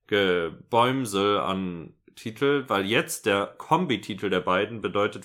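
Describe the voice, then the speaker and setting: Snarky podcast guy, lowish voice but really bright and punchy, reads stuff out and rips into it. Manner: sarcastic, critical. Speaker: podcast co-host. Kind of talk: casual chat and mocking dramatic reading of a story.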